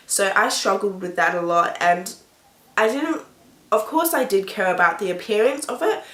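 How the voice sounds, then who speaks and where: Slow-talking woman with a blocked-up nose, echoey room. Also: mid-range voice, a bit bright. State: sick with a blocked nose, breathing through the mouth. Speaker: beauty vlogger. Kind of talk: casual talk to camera about personal experience. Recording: echoey, roomy sound.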